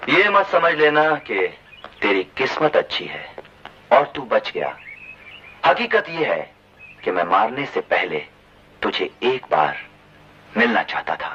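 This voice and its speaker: An actor playing a menacing, boastful gang boss in an arrogant, threatening way in a melodramatic Bollywood film. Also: male voice, fairly low pitch, very animated, slow pace, long pauses, sharp tone, slight background noise, exaggerated voice. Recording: dull lo-fi old film soundtrack.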